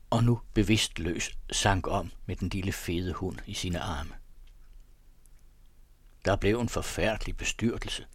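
A man narrating a literary story in a measured, ornate audiobook reading. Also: fairly low pitch, slightly rough, no echo.

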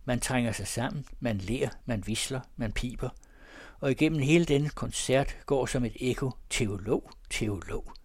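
A man narrates literary prose in a measured, descriptive reading, his voice sitting in a middle pitch. The sound is close and dry, with no room echo. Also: a little mellow.

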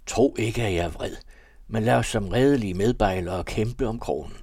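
An earnest young man answers firmly and steadily, as a male reader voices him. His voice is fairly low and the sound is dry and close. It comes across as a novel read aloud. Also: a little mellow, breathy edge, no echo.

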